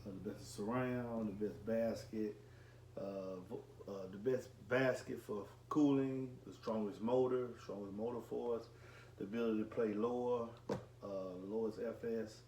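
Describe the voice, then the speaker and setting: This unboxing vlog comes from a man in his 40s who reviews car audio and builds enclosures. His voice is lowish, steady and mellow, a little slow, and his casual talk rambles with frequent repeats and self-corrections. The room is echoey, with faint background noise.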